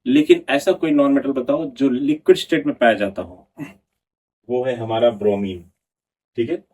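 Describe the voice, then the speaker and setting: Male teacher, husky voice, mid-pitched. Reads notes slowly and answers his own questions. Recorded slightly distant from the mic. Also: steady tone, mellow. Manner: reads English notes slowly, then explains in Hindi; asks the class questions and answers them himself. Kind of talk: exam prep lecture.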